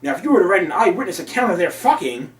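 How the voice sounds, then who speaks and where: A man doing a jovial gruff newspaper editor. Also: high-pitched, sing-song, racing. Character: cheerful gruff middle-aged male newspaper editor. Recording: roomy, from a distance.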